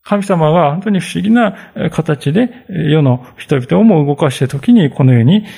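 A man's voice: fairly high pitch, animated, normal speed, vocal fry, warm tone, husky. A male pastor giving a conversational sermon, reading scripture and explaining it with frequent fillers and asides.

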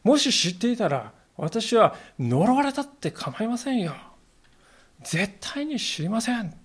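A man's voice: sits high, big pitch swings, measured pace, husky, voice pushed up, heavily acted. A man voicing a frightened male disciple who insistently pleads that he knows nothing. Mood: desperate.

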